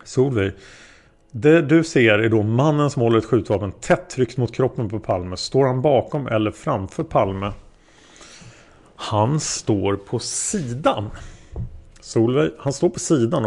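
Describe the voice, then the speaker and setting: A man reading the questions of a patient female interrogator, gently probing a witness. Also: mid-range voice, animated, vocal fry. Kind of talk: read-aloud interrogation transcript.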